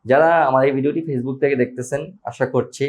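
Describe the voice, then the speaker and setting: A man teaching an informal pronunciation lesson, repeating each word slowly and calling viewers brother. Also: mid-range voice, fairly even intonation, darkish tone. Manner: slow, repeats each word several times; mixes English words into his speech.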